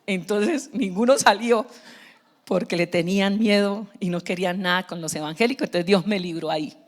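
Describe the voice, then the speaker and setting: A woman pastor, preaching a sermon and acting out the dialogue of the stories she tells. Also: mid-range voice. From Colombia. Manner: storytelling with acted-out dialogue, laughing at her own story. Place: large church hall. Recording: long church-hall reverb.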